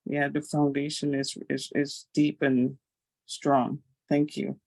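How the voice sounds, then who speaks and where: A woman from Guyana sharing a devotional reflection on a video call, halting and pausing often between phrases. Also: deep voice, completely flat delivery, a little mellow, dry recording. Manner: halting, with many pauses and fillers.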